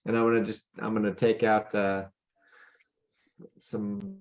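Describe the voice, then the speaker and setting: A man's voice: fairly low pitch, steady tone, measured pace. Casual man playing a tabletop game. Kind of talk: casual improvised game chat.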